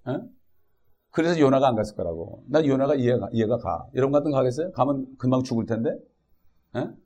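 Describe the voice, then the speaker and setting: Preaching as pastor, a man with a medium-pitched voice reads scripture out loud. He then talks animatedly, often tossing rhetorical questions to the congregation.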